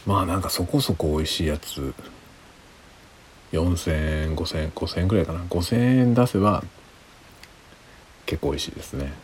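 A tipsy man rambling casually in a hushed late-night solo chat as a livestream host. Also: low-pitched, normal speed, long pauses, a little hiss or hum. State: drinking alcohol, tipsy.

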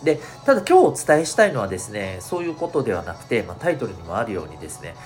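A man's voice: lowish voice, very animated, rapid-fire, a little mellow, faint music behind. A man hosting a monologue podcast for students, speaking in very polite, formal, presenter-like phrasing. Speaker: podcast host and educator addressing students.

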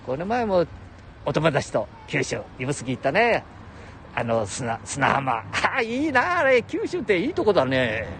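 A man's voice: fairly high pitch, huge pitch swings, unhurried, a bit bright, slight background noise. Chatty older man with a regional dialect. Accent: Nagoya-area Japanese dialect. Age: 70s. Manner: chatty, laughs often, talks to himself. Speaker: livestream host. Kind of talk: rambling solo livestream chat.

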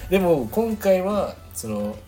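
Brief: young male guest, relaxed slangy chatter, lively intonation, faint music behind. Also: high voice, extremely slow. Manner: easygoing, laughs a lot, casual young slang. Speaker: guest co-host. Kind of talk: casual chat.

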